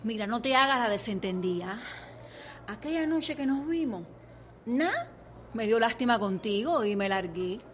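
A woman's voice: fairly high pitch, expressive, moderate pace, pauses often, a little hiss or hum, close to an everyday voice. An actress playing a bitter, scorned woman who taunts and threatens a girl. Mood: sneering. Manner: sneering, threatening, mocking. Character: bitter scorned woman, father's former lover. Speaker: radio drama actress.

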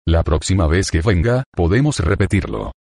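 A man's voice: sits low, animated, moderate pace, gravelly, a little mellow, no echo, exaggerated voice. A man reading the lines of a cocky young pick-up artist, playful but plainly read.

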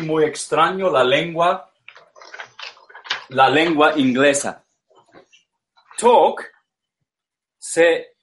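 A man with a fairly high voice speaks very slowly, lecturing with a foreign speaker's care. He hesitates, repeats single words and gropes for vocabulary mid-sentence. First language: English. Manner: halting, repeats words, searches for Spanish words. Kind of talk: slow explanatory lecture.

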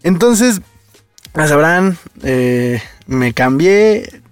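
A podcast host with a Mexican Spanish accent spins a story in loose, profane slang. His voice sits a little high for a man, and the sound is close and dry. Soft music plays faintly behind him. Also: drawn-out words, clear, resonant tone, no echo. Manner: slangy, swears freely, animated storyteller.

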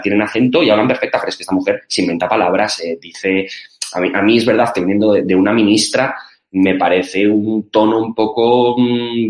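A man giving his opinions in a rapid, chatty way on a talk show. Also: on the low side. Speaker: political commentator. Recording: roomy echoey sound.

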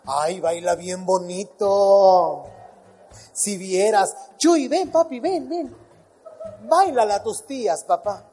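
A man's voice: high voice, slow pace, mellow, slightly rough, big-room sound, soft background music, voice pushed down, full character voice. A man doing a foul-mouthed scolding mother. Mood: coaxing. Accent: Mexican. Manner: crude, bossy, swearing.

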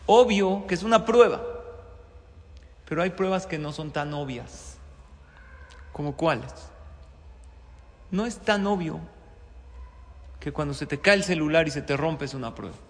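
A man's voice: a little high, moderate pace, long pauses, fairly bright tone. A man giving a Torah-based moral teaching, driving his points home with rhetorical questions and repetition. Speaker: religious teacher. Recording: long reverb.

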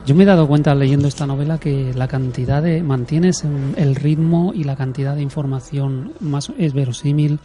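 Very dark-voiced interviewer man. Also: a little high, steady tone, slight background noise. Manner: halting questions with many restarts. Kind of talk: casual interview.

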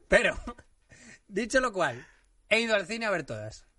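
A man from co-hosting a comedy podcast, talking animatedly and breaking into loud rants. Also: high voice, moderate pace, dry recording, studio quality, recorded from a distance. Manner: animated, rants and shouts when impersonating. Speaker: podcast co-host.

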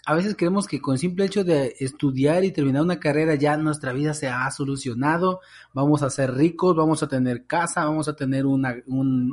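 A man's voice: fairly high pitch, a little mellow. A young adult man with a Mexican accent co-hosting a podcast in casual, slangy talk. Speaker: podcast co-host.

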